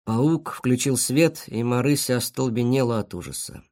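A reader narrating a children's animal story with an expressive reading. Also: mid-range voice, moderate pace. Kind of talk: audiobook storytelling.

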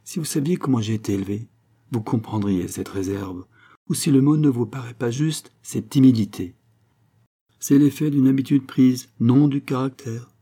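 A man's voice: medium pitch, normal speed, dark tone, natural voice. A man reading the part of a nervous young male count, an earnest suitor who pleads eagerly and lifts his voice as he talks.

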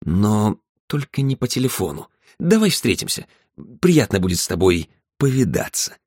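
A man reading a male caller who speaks slowly and carefully in an audiobook. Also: fairly low pitch, very animated, a little mellow, husky, dry recording, studio quality.

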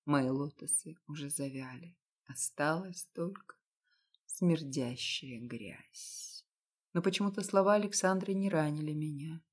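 A woman with a somewhat low voice reads a first-person novel aloud. Her storytelling is steady and measured. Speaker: audiobook narrator.

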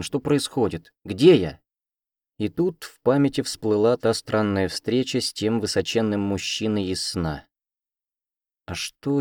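A man narrating an audiobook in a deep, low voice, keeping a steady and expressive storytelling pace. The sound is dry and close, with no room around it. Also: no echo. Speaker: audiobook reader. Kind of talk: scripted narration.

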